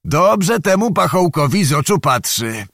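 Male narrator as a loud, boastful old noble, raised pitch, dry close sound, storybook reading. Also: big pitch swings, a little slow, dry recording, heavily acted. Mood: jovial bluster. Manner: loud, bantering, mock-solemn.

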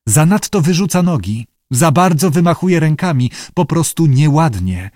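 A man's voice: a little high, lively intonation, normal speed, a little mellow, no echo, studio quality, voice pushed up. A man voicing a cold, fault-finding inner voice. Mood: critical. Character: cool, critical inner voice of a man.

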